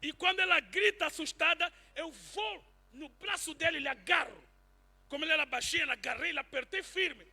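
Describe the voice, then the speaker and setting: A man preaching a sermon and telling a personal testimony, swinging from quiet asides to shouted peaks. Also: very high-pitched, brisk. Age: adult, married since 2010.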